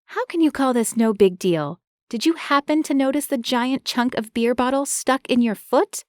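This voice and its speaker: A woman narrator voicing a caring young woman who fusses over an injury with brisk, bossy concern. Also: high voice, a little mellow, no echo, studio quality, voice pushed up, close to an everyday voice. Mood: flustered. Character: caring young woman, fussing, tender-hearted.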